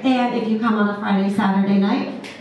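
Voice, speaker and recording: A woman in her thirties emcees a burlesque show on a brick-walled indoor club stage, playfully teasing the crowd as she introduces each act. Her medium-pitched voice is steady, a little fast, and a little mellow. She uses a handheld mic, but a far camera picks her up, so the club sounds echoey and distant with background noise.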